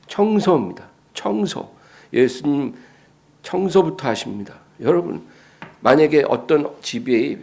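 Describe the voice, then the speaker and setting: A male pastor preaching a sermon. He asks the congregation questions and then answers them, moving between hushed passages and loud, raised lines. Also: medium pitch, creaky.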